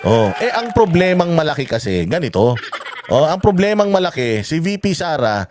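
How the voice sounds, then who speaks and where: Heated man ranting, high-pitched. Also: big pitch swings, normal speed, darkish tone, a little hiss or hum. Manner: heated, cursing, many restarts and fillers. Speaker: political vlogger. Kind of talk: angry political commentary.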